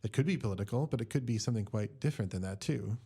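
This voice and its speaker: A man hosting a podcast interview, posing long, deliberate questions in a measured way. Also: fairly low pitch, mellow, husky. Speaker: podcast host.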